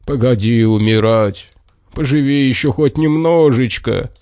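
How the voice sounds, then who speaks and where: A man voicing a big blustering male bear in a children's story, with slow, drawn-out wailing and growling. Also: medium pitch, darkish tone, clean tone, no room sound, studio quality, natural voice.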